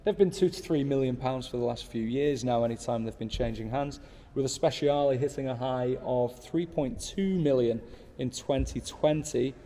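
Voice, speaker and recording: A man's voice: mid-range voice, moderate pace, mellow, in a large hall, a little hiss or hum. A man in his thirties, talking casually to camera from his desk, enthusiastic and rambling with asides. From United Kingdom. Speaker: car channel host. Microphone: small pocket camera.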